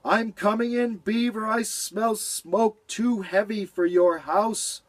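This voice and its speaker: A man doing a high-voiced clever storybook cat. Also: fairly even intonation, takes it slowly. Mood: urgent. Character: high-voiced clever male cat neighbor, brave and helpful.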